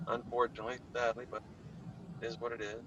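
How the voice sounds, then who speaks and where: A man's voice: medium pitch, completely flat delivery, fast talker, a bit bright, highs cut off, a little hiss or hum. Laid-back man on a conference call. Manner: laid-back, drawling, says "man" often. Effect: heard over a video conference call. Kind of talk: casual chat on a call while driving. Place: in a car on the road.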